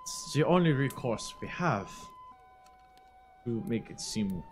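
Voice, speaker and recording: A man's voice: medium pitch, animated. A man speaking formally in character during a tabletop game. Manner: measured and formal. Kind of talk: slow, formal in-character speech. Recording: music playing under the voice.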